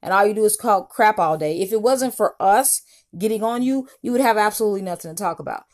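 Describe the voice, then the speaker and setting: A woman's voice: mid-range voice, expressive, fast talker. Scornful woman commentator. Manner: scornful, mocking, lecturing. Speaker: YouTube commentator. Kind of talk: reaction commentary.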